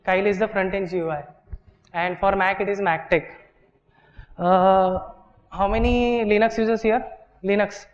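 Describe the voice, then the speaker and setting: High-voiced Indian man teaching in a hall. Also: steady tone, moderate pace, pauses often. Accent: Indian English. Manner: explains step by step, often checks with "okay" and "right". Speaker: workshop instructor. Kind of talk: live classroom teaching. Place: large lecture hall. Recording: dull, echoey lecture hall recording.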